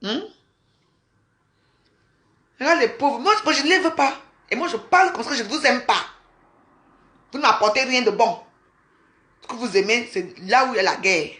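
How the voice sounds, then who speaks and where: A woman tears into her critics in a bright, forceful voice. She scolds and mocks them in a heated vlog rant, throwing the same insults back again and again. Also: on the high side, expressive, normal speed, pauses often. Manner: scolding, mocking, repeats insults. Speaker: vlogger. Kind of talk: angry rant at commenters.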